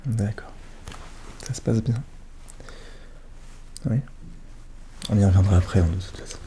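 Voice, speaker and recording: A man doing a soft-spoken, ASMR role-play as a psychologist, questioning gently and attentively in a hushed voice that drifts into speaks softly. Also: lowish voice, measured pace, a little hiss or hum. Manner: gentle, attentive questioning with short murmured acknowledgements.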